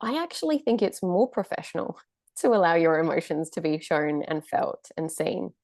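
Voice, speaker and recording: A woman hosts a podcast interview, warmly affirming her guest and then explaining ideas at length. Her voice sits on the low side. The recording is dry and close, with no room sound. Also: sing-song, moderate pace, no echo. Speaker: podcast host.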